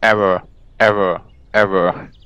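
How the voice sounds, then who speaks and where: A man voicing a malfunctioning robot teacher that glitches and recites in a flat, mechanical way. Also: low voice, slow, clear, resonant tone, no echo, dull audio, full character voice. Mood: glitching. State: glitching, repeating error messages. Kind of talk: comedic skit.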